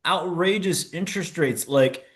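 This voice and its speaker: Telling his story with candor in a relaxed interview, a middle-aged entrepreneur on a podcast speaks a little high and a little slow, his tone fairly bright. He jokes at his own expense and sometimes stumbles, restarting his sentences.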